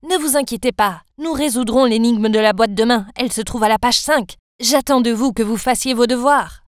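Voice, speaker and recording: A woman's voice: a little high, moderate pace, dry recording, studio quality, close to an everyday voice. A woman voicing a stern, cryptic teacher. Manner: formal, cryptic.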